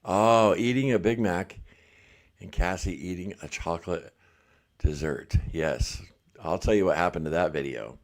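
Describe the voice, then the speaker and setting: With a low-pitched, unhurried voice, a middle-aged man runs a casual livestream, reading comments and chatting along. He's congested and has a blocked ear, but his manner stays relaxed and talkative, full of laughter.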